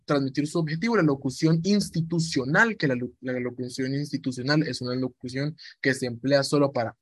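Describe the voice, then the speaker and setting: A man's voice: mid-range voice, a bit bright, no echo. A man gives an informal lesson on radio presenting, chatty, repeating himself and acting out example voices.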